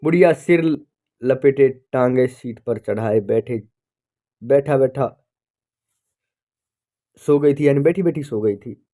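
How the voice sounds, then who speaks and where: A man teaching literature by reading a short story aloud slowly, pausing to correct and explain himself. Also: medium pitch, mellow. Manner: slow, deliberate reading with self-corrections.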